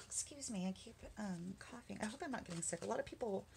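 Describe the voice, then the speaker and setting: A woman of middling pitch chats to camera while she works on a journal page at her desk, rambling along with plenty of fillers and little laughs. Now and then she drops into soft muttering to herself. A faint hum of noise sits under her voice. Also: animated, fairly quick, creaky. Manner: chatty and rambling, with many fillers and small laughs. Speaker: craft vlogger. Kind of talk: casual chat while crafting. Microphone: camera on the work desk.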